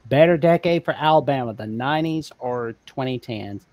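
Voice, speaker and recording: A man's voice: medium pitch, moderate pace, dry recording, highs cut off. Male host, mid-range voice, easygoing, dry close-miked sound. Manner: easygoing, reads viewer questions aloud. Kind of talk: casual sports talk show.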